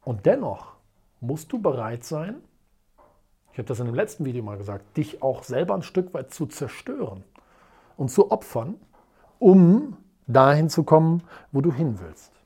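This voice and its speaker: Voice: medium pitch, unhurried, slightly rough. A motivational coach teaching at a whiteboard, talking emphatically, repeating rhetorical questions and telling stories dramatically. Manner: tells stories in a lively, dramatic way. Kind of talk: motivational video lesson at a whiteboard.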